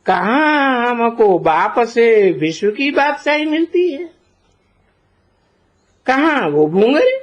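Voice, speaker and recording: A man giving a slow spiritual discourse as a teacher, deliberate and posing rhetorical questions to his listeners. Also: very high-pitched, sing-song. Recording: dull lo-fi recording.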